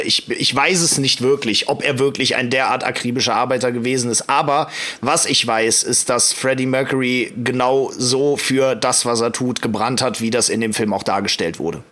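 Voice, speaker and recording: A man talking about music in a casual podcast chat, measured and hedging. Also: mid-range voice, a bit bright. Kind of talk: casual film discussion.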